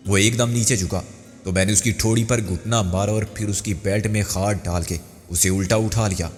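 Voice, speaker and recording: A man narrating a crime thriller novel as an audiobook, with steady storytelling. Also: on the low side. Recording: long hall reverb with faint music.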